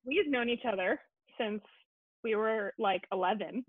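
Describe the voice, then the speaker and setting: Young female host from Colorado, chatty and self-mocking; higher voice, dry, phone-like sound. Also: dry recording. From Colorado, USA. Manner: chatty, quick, self-deprecating. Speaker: podcast host. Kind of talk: casual chat. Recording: tinny phone-like call audio.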